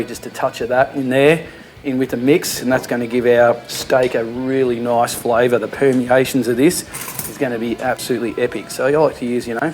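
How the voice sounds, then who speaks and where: An Australian man hosting a comic home cooking show in a laid-back, slangy way, full of fillers, in a kitchen. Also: mid-range voice.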